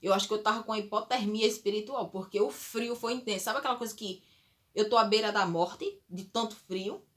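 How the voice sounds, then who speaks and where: A woman's voice: medium pitch, brisk. A woman gives a personal religious testimony. She tells it earnestly and emotionally, often turning to speak straight to her viewers. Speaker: churchgoer giving a testimony.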